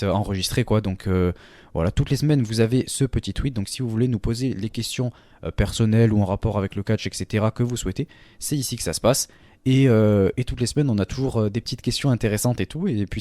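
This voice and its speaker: Low dark-voiced man, hesitant podcast host. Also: no echo. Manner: hesitant, many fillers. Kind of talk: casual podcast chat.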